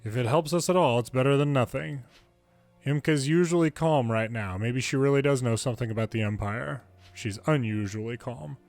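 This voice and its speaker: Reading a game's story dialogue aloud in English, a man voices the cutscene characters lightly while faint music plays underneath. He's a fan reader with a medium-pitched, darkish voice, speaking at a moderate pace with no room sound.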